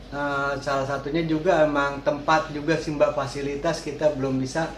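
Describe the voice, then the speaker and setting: Higher-pitched man in an echoey, noisy room. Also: flat delivery, moderate pace. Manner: informal, repeats words and affirmations. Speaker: cat boarding and grooming business owner being interviewed. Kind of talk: casual phone interview answers. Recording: echoey room, clear background noise.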